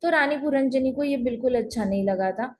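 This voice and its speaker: A woman's voice: high voice, fairly quick, darkish tone. A woman teaching at home over an online call, telling a scripture story in a chatty way and repeating phrases for emphasis.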